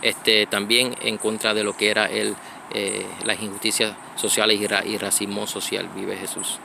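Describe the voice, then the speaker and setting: A man from Connecticut, giving a casual spoken church reflection, halting and full of fillers and restarts, recorded outdoors. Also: fairly low pitch, level tone, creaky, noisy background. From United States (Connecticut).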